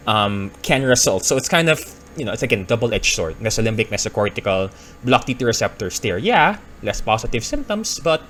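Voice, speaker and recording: A man's voice: lowish voice, a bit bright, a little hiss or hum. A man from the Philippines, a pharmacist giving casual explanatory commentary while reacting to a video, thinking aloud and correcting himself.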